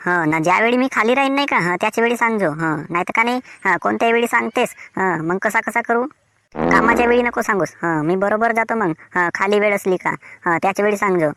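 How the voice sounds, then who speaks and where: A woman's voice: mid-range voice, fairly quick, fairly bright tone, no room sound, studio quality, natural voice. A woman voicing a lazy, stubborn village husband in a Varhadi Marathi accent, talking in a grumbling, dismissive way. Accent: Vidarbha Marathi (Varhadi). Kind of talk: cartoon voice acting.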